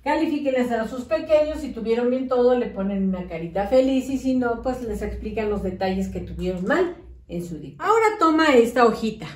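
A woman teacher gives a slow, patient lesson on handwriting and letters to parents and small children. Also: a little high, lively intonation, darkish tone. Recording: roomy echo, voice from a distance.

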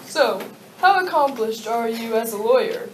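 A woman's voice: on the high side, expressive, moderate pace, natural voice. Young woman playing Confederate puppet leader, stiff recited lines, amateur puppet show, strong room echo, faint noise. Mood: polite, formal. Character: sock-puppet Confederate leader, commanding interviewer. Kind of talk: amateur puppet-show role-play, scripted. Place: darkened room with projection screen, puppeteers low at front. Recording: echoey room, distant mic, faint noise.

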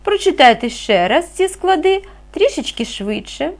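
A woman teaching a reading lesson to young children, speaking clearly and patiently, asking them questions as she goes. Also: high voice, very animated, a little slow. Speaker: primary school teacher.

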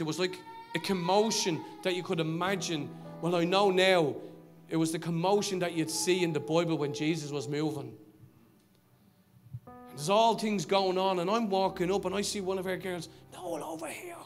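A middle-aged man with a Dublin accent, a pastor telling a story in a sermon, swinging between loud excitement and low, hushed confiding. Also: normal speed, soft background music. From Dublin, Ireland. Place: church service.

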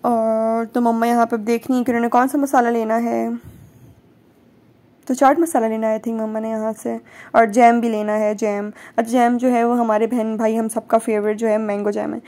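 Brief: young woman vlogger from Pakistan, slightly high but mellow voice, chatty and joking, on a phone camera in a supermarket. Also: level tone, moderate pace. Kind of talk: casual vlog narration. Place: large supermarket, indoors.

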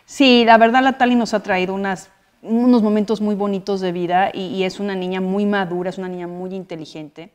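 Middle-aged woman, Mexican accent, chatty storyteller, everyday mid pitch, casual interview guest. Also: steady tone, a little fast, clean tone. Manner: chatty storytelling, frequent filler phrases. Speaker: actress and guest.

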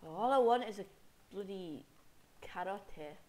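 Sniffling from a head cold, a young gameplay commentator rambles casually about his game, fixing his own words mid-stream and feigning anger at enemies. He speaks at normal speed in a high, warm voice with lively intonation.

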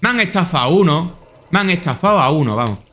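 A young man with a Spanish accent from Spain talks through a game as he plays, swearing often and muttering to himself. His voice sits high and leaps up and down, with a bright, forceful edge. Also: animated, fast talker, a little hiss or hum. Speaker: gameplay streamer. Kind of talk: casual gameplay commentary.

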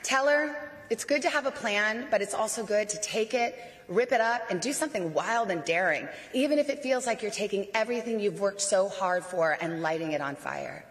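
Speaking at a graduation under a big outdoor tent, this Arizona woman in her forties gives a playful, stirring commencement address through a podium microphone. Her medium-pitched voice has lively intonation and a moderate pace with hardly any pauses, and a long reverb tail follows her words.

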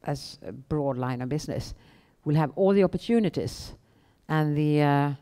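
A middle-aged woman with a Swedish accent, answering questions on stage in a measured, halting way with pauses. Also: low-pitched, warm tone. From Sweden. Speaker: guest, bank founder and chief executive. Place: indoor event room on a small stage. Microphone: headset.

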